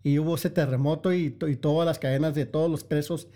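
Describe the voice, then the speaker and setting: Mellow-voiced pastor. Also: male voice, a little high, steady tone, quick pace. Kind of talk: sermon.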